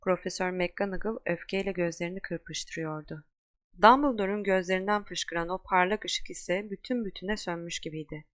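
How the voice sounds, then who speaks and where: A woman narrating an audiobook in a steady, measured storytelling voice. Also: on the low side, no echo. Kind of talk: scripted narration.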